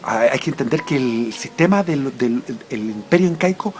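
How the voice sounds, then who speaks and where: A man's voice: medium pitch, animated, moderate pace, a little hiss or hum. Chatty Chilean man telling history. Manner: rambling, chatty, frequent restarts and fillers. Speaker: history lecturer. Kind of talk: informal history lecture.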